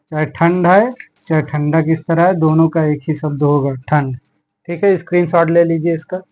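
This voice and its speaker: A man's voice: on the high side, darkish tone, rough recording. A man teaching a Hindi grammar class for exam preparation, explaining spellings word by word and often checking in with his students. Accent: Hindi, Uttar Pradesh. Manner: slow, explaining words one by one with repeated "theek hai". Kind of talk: exam-prep lesson.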